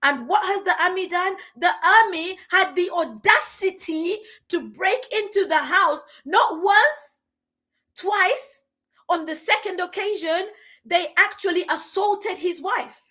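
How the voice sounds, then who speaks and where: A woman's voice: extremely high pitch, unhurried, pushed and bright. A woman, speaking as a podcast guest in a passionate, indignant, emphatic rant. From Uganda. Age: 40s.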